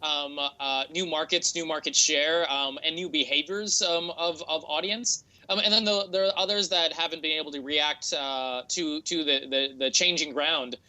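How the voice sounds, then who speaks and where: A man's voice: on the high side, fairly even intonation, normal speed, hardly any pauses, bright, forceful tone, low-quality recording. A man with a standard American accent explaining things as an interview guest, often hesitating and repeating words as he thinks. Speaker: interview guest, tech entrepreneur.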